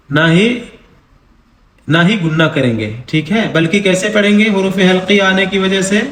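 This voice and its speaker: A man teaching Quran reading, spelling out syllables slowly and drawing out recited words between quick explanations. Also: high voice, echoey room. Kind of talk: recitation lesson.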